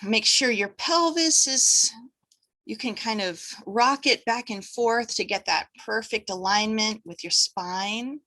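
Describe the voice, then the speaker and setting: Here a woman instructs a breathwork and meditation practice, calmly delivering short directions and pausing between each. Her pitch runs a bit high.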